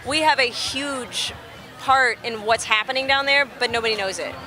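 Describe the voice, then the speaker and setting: A young woman from Texas, a musician being interviewed outdoors, telling stories in an animated, chatty way and laughing easily. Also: a little high, moderate pace, a crowd in the background, background noise. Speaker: musician guest. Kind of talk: casual interview chat. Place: outdoors at a festival near traffic.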